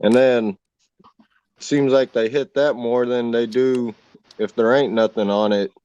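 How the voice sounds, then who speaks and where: A man's voice: medium pitch, steady tone, moderate pace, darkish tone, clean tone, dry recording. Folksy easygoing man, fishing chat, dull call audio, dry. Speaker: stream guest.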